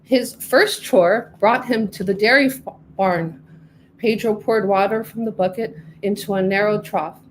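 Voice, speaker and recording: A middle-aged woman reading her own storybook aloud with clear, careful narration. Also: mid-range voice, measured pace, a little hiss or hum, poor audio. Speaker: author reading her book.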